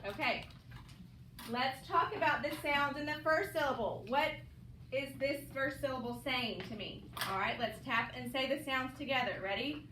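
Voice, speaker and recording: Here a woman teacher speaks at normal speed in a high-pitched voice, guiding a classroom phonics lesson. Upbeat and coaxing, she calls students by name. The sound is roomy and noisy, captured from afar.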